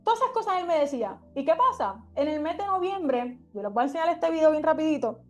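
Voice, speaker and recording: A young woman with a high, light voice leads a Bible study and shares a heartfelt testimony. She tells her story in a warm sermon style and keeps asking her listeners rhetorical questions. Soft music plays faintly behind her. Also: big pitch swings, fast talker. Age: young adult.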